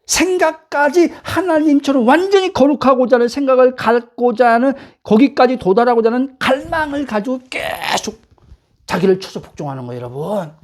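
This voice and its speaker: A woman pastor preaches with a fairly high voice whose pitch swings widely from phrase to phrase. She keeps throwing rhetorical questions at her listeners and calling out to them. Now and then she pushes her voice up to a near-shout to drive a point home. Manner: bursts into near-shouts for emphasis. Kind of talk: sermon.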